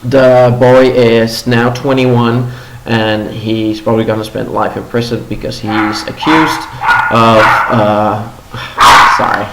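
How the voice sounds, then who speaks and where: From a roomy home room in Los Angeles with faint ambience and a noisy background, a young native Dutch speaker gives a casual daily news rundown with commentary. His voice sits a little low after a concert, with little pitch movement, and he halts often with ums and restarts.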